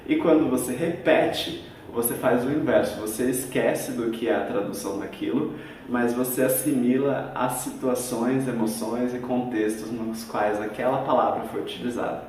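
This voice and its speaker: A man's voice: mid-range voice, moderate pace, a little mellow, slight background noise. A man with a Brazilian Portuguese accent explains a language lesson in a didactic way, walking through examples step by step. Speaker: English teacher. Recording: very echoey room, far from the mic.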